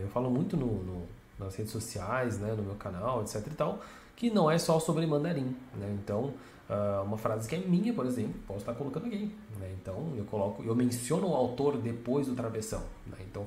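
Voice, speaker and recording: A man, a Mandarin teacher giving a casual video lesson and explaining patiently. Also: darkish tone. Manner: explains patiently, tags lines with "né?" and "tá?"; imitates horn sounds in a high voice. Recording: echoey room with faint noise.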